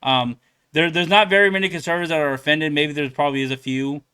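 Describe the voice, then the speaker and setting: A man's voice: fairly high pitch, steady tone, fast talker, sharp tone, clean tone. A young man hosting a reaction channel, rambling casually with many fillers and laughs. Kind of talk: casual commentary.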